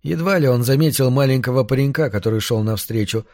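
Brief: a man for audiobook narration, even and measured, middle pitch, dry recording. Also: no room sound.

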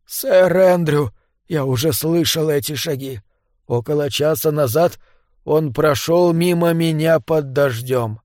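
A man voicing a tense man who speaks in hushed, urgent whispers in a read-aloud story. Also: on the high side, a little slow, no echo, studio quality, lightly acted. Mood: hushed urgency. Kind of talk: audiobook character voice.

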